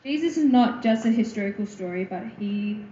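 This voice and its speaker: A woman's voice: mid-range voice, expressive, moderate pace, dark tone. A woman host giving closing remarks after a talk, hesitant and full of fillers. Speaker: event host. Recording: echoey room, dull sound, faint crowd noise.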